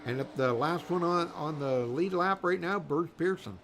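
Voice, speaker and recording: A man's voice: on the high side, normal speed, fairly bright tone, a little hiss or hum. A man doing live race commentary in a rambling, folksy way, full of fillers. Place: commentary booth at a racetrack.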